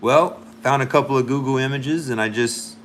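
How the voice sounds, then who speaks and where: A man's voice: medium pitch, normal speed, a bit bright, a little hiss or hum. A man chatting casually on a livestream as he draws, rambling and thinking aloud, now and then dropping in amateur French phrases. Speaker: artist streaming a drawing session. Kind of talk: casual livestream chat while drawing.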